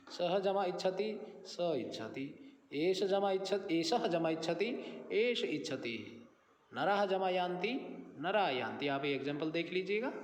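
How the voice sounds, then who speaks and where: A man delivers a grammar lecture in a fairly high voice, patiently laying out rules and repeating example after example. The recording has a roomy echo with a long reverb tail and faint ambient noise behind him, as if captured on a phone screen recorder. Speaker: Sanskrit grammar teacher. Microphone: screen recorder, phone mic.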